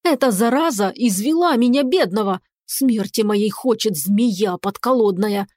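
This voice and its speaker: A woman voicing a hysterical, whiny male talking cat who squeals and pleads in drawn-out wails. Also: medium pitch, lively intonation, darkish tone, no echo, clean studio sound. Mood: whining complaining.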